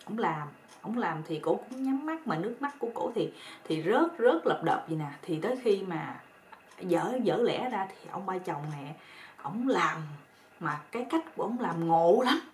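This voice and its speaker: A woman's voice: mid-range voice, animated, moderate pace. Woman narrator, loose chatty telling, roomy echo. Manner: chatty, colloquial, repeats words often. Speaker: storyteller. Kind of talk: casual spoken storytelling. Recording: roomy echo with faint noise.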